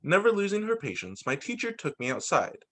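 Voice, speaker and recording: This teacher's voice is high-pitched and brisk as he reads a picture book to young pupils, full of expression and little side comments. His energy is lively, and he pauses to explain and make sure the kids are following.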